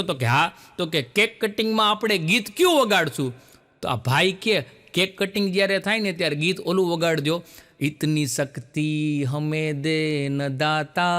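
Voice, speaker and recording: A man's voice: high-pitched, pushed and bright. A man, a stand-up comedian telling folksy jokes on stage before a live audience, acting out the dialogue in his stories. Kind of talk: Gujarati folk comedy storytelling. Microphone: stage microphone.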